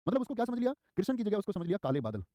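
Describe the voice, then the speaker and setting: Brief: young male teacher, rapid-fire delivery, a bit high for a man, quizzes and repeats terms, live online class. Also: dry recording, studio quality. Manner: energetic, repeats key terms and quizzes students; acts out short quoted lines in a raised voice. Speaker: Hindi grammar teacher.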